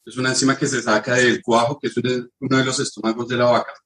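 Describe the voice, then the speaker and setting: A Colombian man in his thirties talks in a relaxed, conversational way. His pitch sits in the middle range, and he explains things step by step, sometimes restarting a phrase. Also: quick pace. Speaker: guest. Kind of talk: casual chat.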